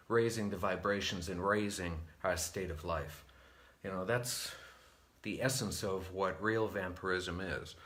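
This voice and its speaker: A man from New England with a lowish voice speaks straight to his viewers in a measured spiritual monologue. He takes his time and leans on key words. He rises to bright, louder bursts, then drops to quiet, near-murmured stretches. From New England, United States. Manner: slow, deliberate and reflective, with swings from lively to hushed. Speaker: vlogger.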